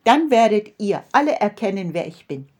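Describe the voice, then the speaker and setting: Woman playing a firm, quiet-spoken man, clear and steady. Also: mid-range voice, moderate pace. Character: calm, firm male Jesus.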